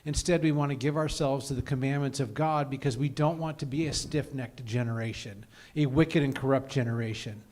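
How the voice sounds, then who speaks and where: A man's voice: medium pitch, a little fast, hardly any pauses, darkish tone. Thoughtful man leading a Bible study. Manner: thoughtful, reasons aloud with many "uh"s; reads scripture aloud with rising emphasis. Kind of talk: group Bible study discussion.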